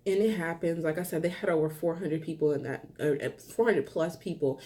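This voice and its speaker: A young woman with a slightly low voice gives an earnest, heartfelt vlog monologue. She rambles, restarts her sentences and fills pauses with ums. She sounds a little short of breath. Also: warm tone. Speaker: vlogger. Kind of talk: casual heartfelt monologue to camera.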